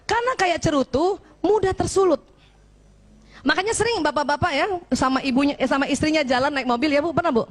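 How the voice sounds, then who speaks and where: A woman from Indonesia giving a religious talk to a gathering of women, lively and teasing, often checking that her listeners follow. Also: high voice. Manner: lively and teasing, often asks the audience questions. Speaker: preacher addressing women.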